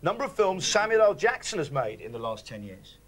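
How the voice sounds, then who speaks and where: A man's voice: a little high, big pitch swings, a little fast. A man hosting a breakfast TV stats game, playful and exclamatory. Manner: playful, exclamatory, laughing often. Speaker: TV host. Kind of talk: lively studio game segment. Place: TV studio with audience. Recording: loud studio crowd. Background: crowd.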